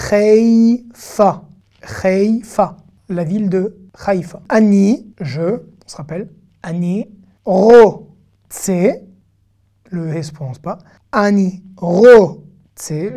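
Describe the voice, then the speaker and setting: Slow, mellow-voiced woman teaching. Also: medium pitch. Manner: patient, repeats words slowly for learners. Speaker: Hebrew teacher. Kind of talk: online lesson, explaining and demonstrating pronunciation.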